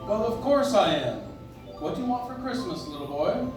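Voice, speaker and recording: A man's voice: high voice, very animated, moderate pace. A man playing a kindly, assured department store Santa Claus in a live staged radio play. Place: live stage in a coffee house. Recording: echoey, distant recording with music behind.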